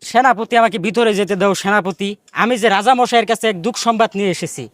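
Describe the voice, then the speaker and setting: A man doing a low, anxious messenger. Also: quick pace, a bit bright, no room sound. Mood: pleading. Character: anxious male royal messenger.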